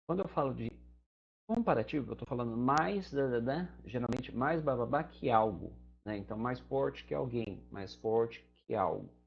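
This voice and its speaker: A Brazilian man teaches English grammar in a relaxed, conversational tone, checking in with his listeners as he goes. His voice is gravelly with some vocal fry. The recording sounds a little muffled and lo-fi. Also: medium pitch. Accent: Brazilian Portuguese. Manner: conversational, fillers like "né" and "tá". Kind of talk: explaining grammar to students.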